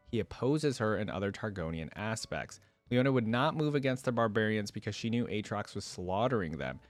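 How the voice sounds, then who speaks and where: A man with a fairly low voice hosts a reaction video, recorded dry. His commentary is casual and enthusiastic, and he thinks aloud while reading things out and looking them over.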